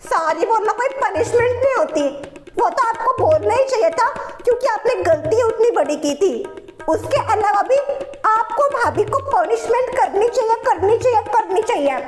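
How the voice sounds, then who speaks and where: A woman's voice: very high-pitched, lively intonation, normal speed. Pushy young daughter, a woman voicing her. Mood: insistent. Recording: echoey room, faint background music.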